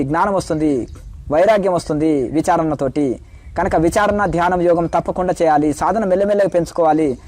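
A middle-aged man with a fairly high voice answers spiritual questions as a teacher. He preaches in steady rhythmic lists, and the sound is dry and close with no room in it. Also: no echo.

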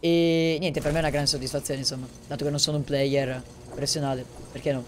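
A male live streamer talks through his gameplay from home, keeping his voice deliberately low. His chat is casual and quick, with a steady stream of little asides. A faint hiss sits under the voice. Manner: talks quietly, holding back from shouting; chatty, rapid asides to viewers.

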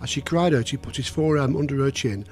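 A man narrates a true crime story in a sober, measured voice at a middling pitch. His delivery is steady and scripted. Faint music plays softly behind him.

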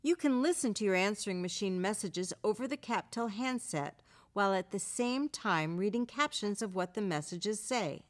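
A woman with a mid-pitched voice narrates a how-to script. Her delivery is measured and instructional, step by step.

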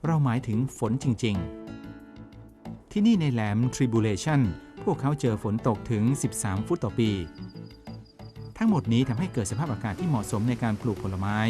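A male documentary narrator with a mid-pitched voice delivers scripted narration. Music plays clearly behind him throughout. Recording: music bed under voice. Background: background music.

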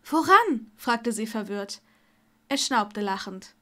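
A woman reading fan fiction aloud as an audiobook narrator, steady and expressive. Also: a little high, normal speed. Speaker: audiobook reader.

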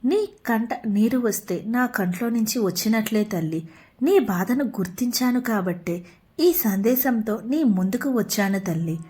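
A woman narrating a devotional message in a slow, tender, consoling way. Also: on the high side, animated, mellow.

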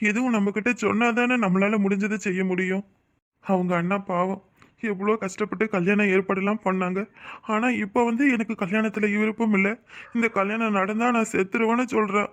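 A man's voice: high-pitched, fairly even intonation, fairly quick, a bit bright. A man voicing a worried family man who frets and pleads to himself. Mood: distressed. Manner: fretful, pleading. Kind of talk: cartoon voice acting.

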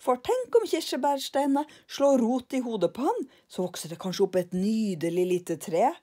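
An older woman reading aloud and voicing a boastful, carefree little man who brushes off every worry in a loud, brash manner. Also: fairly high pitch, animated, pitched above the performer's own voice. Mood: smug. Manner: brash, self-satisfied, shrugging off worries.

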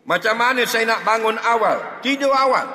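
A man's voice: very high voice, animated, moderate pace. A man giving a humorous mosque lecture, answering questions and often checking that the crowd understands. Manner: jokey, keeps asking the crowd if they understand. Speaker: religious teacher. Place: mosque hall. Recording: echoey mosque hall, long reverb.

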